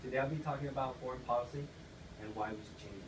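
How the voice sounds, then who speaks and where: A young American man races through an earnest persuasive speech in a steady, medium-pitched voice, reading it aloud like a class assignment. The recording is noisy and echoey, with the mic far away.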